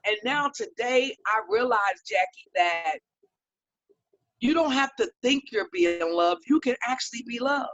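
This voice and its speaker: A woman's voice: a little high, lively intonation, fairly bright tone, dry recording. Earnest woman on a dull video call. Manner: earnest, reflective storytelling with pauses. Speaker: guest. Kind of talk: personal testimony in an online talk show.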